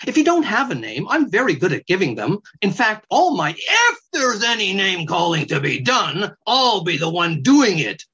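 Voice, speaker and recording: A man voicing a gentle, polite male polar bear who speaks sincerely and earnestly. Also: high-pitched, very animated, normal speed, hardly any pauses, husky, lo-fi sound, pitched above the performer's own voice, exaggerated voice.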